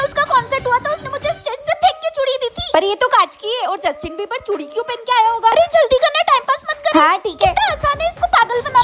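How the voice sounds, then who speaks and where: A woman performing a scripted comedy skit, bickering and teasing as she switches between several neighbour characters. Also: very high voice. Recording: loud music under the voice.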